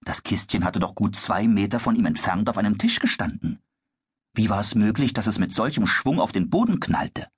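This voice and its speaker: A man narrating a children's story in a calm, measured storytelling manner. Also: lowish voice, breathy edge, no room sound, clean studio sound.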